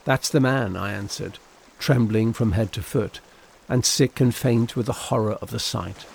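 A man reading a classic sea story aloud in measured, scripted narration. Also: fairly low pitch, fairly even intonation, creaky, a little mellow, a little hiss or hum. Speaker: audiobook narrator.

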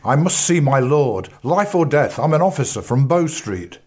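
A man reading an audiobook voices a fierce, blunt male Bow Street officer who speaks gruffly and forcefully in an old-fashioned way. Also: mid-range voice, unhurried, lightly acted. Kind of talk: audiobook character voice.

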